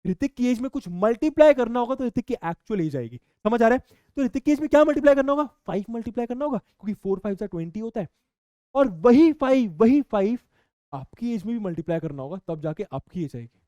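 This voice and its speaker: A young man teaching a maths lesson to students, lively, repeating key points and asking the class questions. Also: extremely high pitch, fast talker, no room sound, lo-fi sound.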